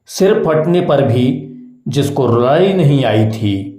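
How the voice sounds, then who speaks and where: Man reading as strict middle-aged father, stern, slow delivery, echoey room. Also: medium pitch, animated, mellow.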